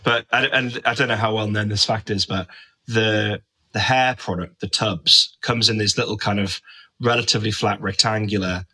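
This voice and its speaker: Enthusiastic male guest, lowish voice with a bright, forceful edge. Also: fairly even intonation, moderate pace, low-quality recording. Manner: enthusiastic, gushing about products. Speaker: guest, brand creative officer. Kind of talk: casual interview chat.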